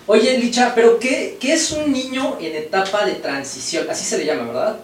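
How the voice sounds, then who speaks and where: A host in a mid-pitched voice talks casually, tossing in tag questions and restarting phrases. The voice sits far from the mic in a strongly echoing room with a faint hiss, with ambient sound behind it. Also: moderate pace. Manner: conversational, frequent fillers like "¿no?" and restarts. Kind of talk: casual interview chat. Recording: very echoey room with a distant mic and faint noise.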